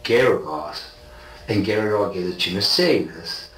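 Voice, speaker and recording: His voice sits low and comes across animated, a little slow and fairly bright. He's a man in his forties from South Africa and Argentina being interrogated by police, answering insistently and repeatedly checking "okay?". A fixed camera mic far off in the small bare interview room yields a roomy, noisy surveillance recording.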